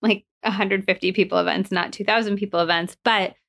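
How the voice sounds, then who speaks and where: A woman's voice: mid-range voice, steady tone, fairly quick, vocal fry, fairly bright tone. A young woman hosting a podcast, earnestly asking a guest personal questions in casual chat. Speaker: podcast host.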